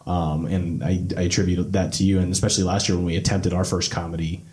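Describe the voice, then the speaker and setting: A man's voice: sits low, flat delivery, fast talker, mellow. A man co-hosting a casual podcast, chatting in an echoey basement room. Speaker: podcast co-host. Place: theater basement.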